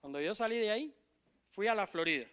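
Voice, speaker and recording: Cuban pastor, middle-aged man, high tenor voice, sermon delivery with emphatic repeats and quiet asides. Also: animated, fast talker, smooth. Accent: Cuban Spanish. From Cuba. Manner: emphatic preaching, drops to soft low asides, repeats key phrases.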